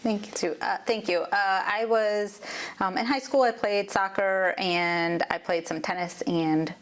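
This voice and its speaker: A woman's voice: medium pitch, steady tone, unhurried. A woman judge from Maryland, talking casually about her childhood and school years, laughing easily. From Maryland, USA. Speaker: judge, interview guest. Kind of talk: casual interview conversation.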